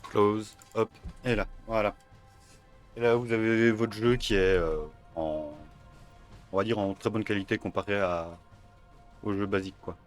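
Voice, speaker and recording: A man's voice: lowish voice, steady tone, measured pace, faint music behind. A man casually walking through emulator settings, hesitant, with many fillers and self-corrections. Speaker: tutorial host. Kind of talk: casual screen-recorded tutorial.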